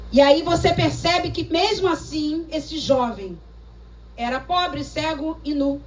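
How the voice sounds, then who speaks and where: A woman pastor with a Brazilian Portuguese accent, preaching a lively, emphatic sermon full of personal stories. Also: sits high, slight background noise. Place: church service. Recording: distant mic with faint room ambience.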